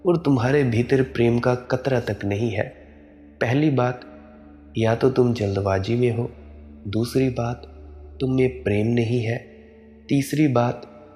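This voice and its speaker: A man giving a spiritual sermon in a slow, measured, admonishing way. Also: medium pitch, mellow. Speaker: spiritual preacher.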